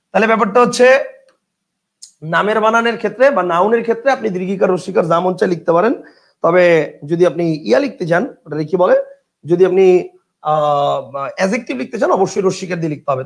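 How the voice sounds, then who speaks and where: High, gravelly Bangladeshi teacher. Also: male voice, animated, brisk. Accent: Bangladeshi colloquial Bengali. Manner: chatty, repetitive drilling, checks if students understand; reads out student questions from chat. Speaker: Bengali grammar teacher. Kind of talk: online exam-prep class.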